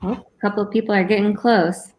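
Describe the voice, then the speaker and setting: A woman's voice: medium pitch, fairly even intonation, brisk. A woman co-hosting a live online bingo event, chatting casually with players and her partner.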